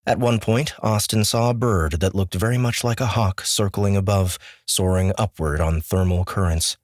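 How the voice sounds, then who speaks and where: An audiobook narrator reads scripted narration in a steady, measured way. His voice is low and deep, recorded close and dry, with no room sound or echo.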